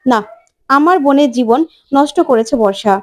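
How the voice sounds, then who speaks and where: A woman voicing an angry young husband who confronts his wife forcefully. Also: high-pitched, moderate pace, natural voice. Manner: forceful, indignant.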